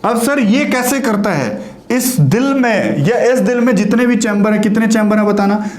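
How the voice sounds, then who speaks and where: A man's voice: high-pitched, animated, normal speed. A man teaching a lesson who keeps asking questions and answering them himself, with a Haryanvi Hindi accent. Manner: asks and answers his own questions. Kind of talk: classroom lecture. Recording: echoey room.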